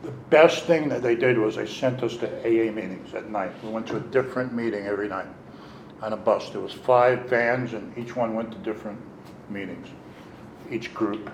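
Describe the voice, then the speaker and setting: A man's voice: on the low side, normal speed, slight background noise. Middle-aged guy sharing his story at a meeting, candid, does the voices, echoey room. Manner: candid, animated, acts out quotes. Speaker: recovery meeting speaker. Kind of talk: personal storytelling.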